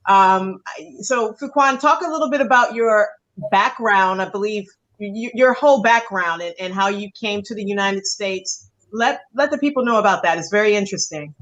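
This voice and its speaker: A woman interviewing dancers in a relaxed chat, talkative and laughing easily. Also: mid-range voice, normal speed, muffled recording. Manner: chatty, laughs often. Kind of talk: casual interview.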